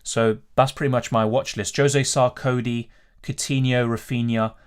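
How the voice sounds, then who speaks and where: An Argentine man hosts a fantasy football livestream, casually reading viewer questions and answering them off the cuff as he thinks aloud. His mid-range voice is steady and clean, at a normal speed.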